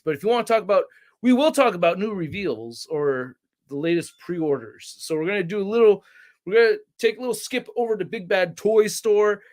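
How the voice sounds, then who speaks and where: Man, young adult, livestream host, rambling casual chat, slightly high voice. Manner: rambling, reads chat names aloud, excitable bursts. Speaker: toy channel livestream host.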